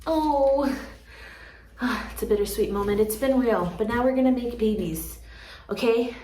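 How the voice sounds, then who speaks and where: Woman, houseplant vlogger, casual and chatty, fairly high pitch, roomy echo. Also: brisk. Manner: chatty and excitable, talks to her plant. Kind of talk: casual chat to camera. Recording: echoey room with faint background noise.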